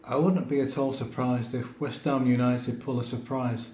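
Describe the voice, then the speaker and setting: Man co-host, mellow and measured, echoey room with faint hiss. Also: mid-range voice, fairly even intonation. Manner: measured, thoughtful with fillers. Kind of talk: casual football prediction chat.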